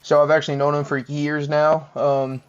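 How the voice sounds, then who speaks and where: A man's voice: a little high, little pitch movement, normal speed. A young man giving casual, laid-back commentary over his own gameplay, chuckling often and poking fun at himself. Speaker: gaming commentator. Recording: dull lo-fi mic.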